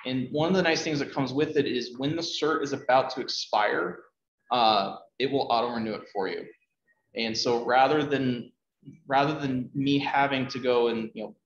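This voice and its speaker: A man speaking at a meetup, answering audience questions in a relaxed, hesitant way with many ums and uhs. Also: medium pitch. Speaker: conference speaker. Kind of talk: conversational Q&A talk. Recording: roomy, dull, faint noise.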